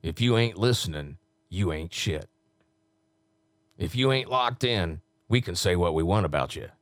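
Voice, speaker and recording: Man, radio voice-over, deep announcer reads, animated pitch, dry booth. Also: unhurried, dry recording. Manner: deep announcer read on takes, loose and laughing between them. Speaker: radio voice-over talent recording station liners. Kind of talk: recording radio imaging promos and chatting between takes.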